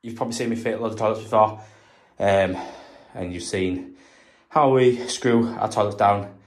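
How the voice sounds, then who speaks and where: A British plumber talks to the camera in a casual work vlog while indoors in a bathroom under renovation, slightly out of breath. His voice sits on the low side, with fairly even intonation and a moderate pace, and he's chatty, rambling and self-deprecating.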